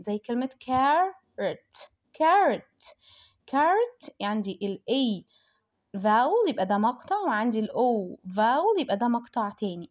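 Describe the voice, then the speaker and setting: An Egyptian woman teacher with a somewhat high voice walks parents through a lesson. She stretches each example word out slowly and clearly. The audio is muffled and lo-fi. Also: darkish tone. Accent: Egyptian Arabic. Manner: slow, drawn-out demonstration of words. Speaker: English teacher.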